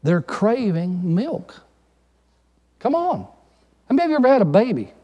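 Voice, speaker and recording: A man with a high voice preaches to his congregation, calling for answers and rising into fervent emphasis before dropping back to quiet teaching. His voice rings out with a long reverb in a church hall. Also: sing-song, moderate pace, slightly rough, highs cut off. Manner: preachy call-and-response, rising and falling with emphasis. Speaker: pastor. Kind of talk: sermon.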